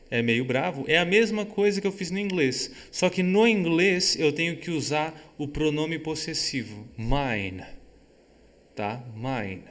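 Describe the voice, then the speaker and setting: A man from Brazil teaches English grammar online at a mid pitch. He explains patiently, often checks that students follow, and reads English examples slowly and carefully. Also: fairly bright tone. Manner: patient, repeats key words, checks understanding often.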